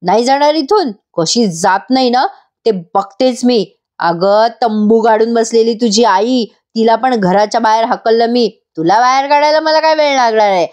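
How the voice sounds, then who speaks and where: A haughty mistress of the house barks orders with open scorn, put on by a woman narrator. The voice sits a little high and stays commanding. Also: moderate pace, a little mellow, close to an everyday voice. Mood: scornful.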